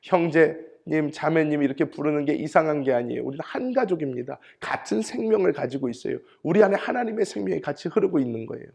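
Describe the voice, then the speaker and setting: Animated, gravelly-voiced pastor preaching. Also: male voice, fairly high pitch, fast, hardly any pauses. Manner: animated storytelling, acting out quoted voices. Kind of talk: sermon. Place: church sanctuary.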